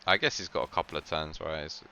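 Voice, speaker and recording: Low-voiced rambling male game commentator. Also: fast, creaky, sharp tone, slight background noise. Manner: rambling, lots of "like" fillers, frequent laughs.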